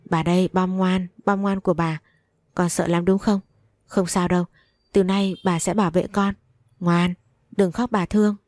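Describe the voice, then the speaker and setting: A woman's voice: on the low side, little pitch movement, normal speed, darkish tone, no room sound, clean studio sound, lightly acted. A woman voicing a harsh elderly grandmother who scolds sharply yet dotes on her grandson, in a spoken story. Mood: soothing. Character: harsh elderly grandmother, scornful but doting.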